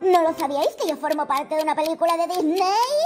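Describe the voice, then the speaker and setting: A woman's voice: very high-pitched, animated, a little fast. A woman voicing a cheery hoofed female cartoon mascot with a Spain Spanish accent, hosting an emoji guessing quiz in a bubbly, sing-song, exclaiming way. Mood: excited. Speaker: quiz host. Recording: music bed under voice. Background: children's music.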